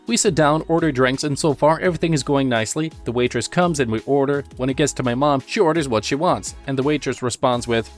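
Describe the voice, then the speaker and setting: A man reading online stories aloud as a scripted narration, in a steady, even storytelling manner. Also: medium pitch.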